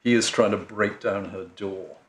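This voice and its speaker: A man's voice: fairly low pitch, fairly even intonation, moderate pace. An English man, a barrister addressing appeal judges, speaking hesitantly with frequent ums, restarts and apologies. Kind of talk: courtroom legal submission. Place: large courtroom. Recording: roomy courtroom audio.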